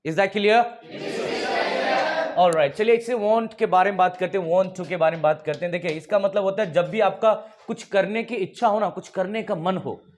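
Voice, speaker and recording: A man's voice: high-pitched, moderate pace, darkish tone. A man with an Indian accent teaching English to a class, mixing Hindi and English, often laughing and quizzing the students. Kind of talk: classroom lesson in Hinglish.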